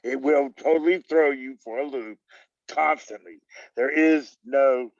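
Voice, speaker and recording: A man's voice: medium pitch, measured pace, dry recording. A man hosting a casual conversation, musing in a laid-back way. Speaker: host. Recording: distant, dry, dull lo-fi audio.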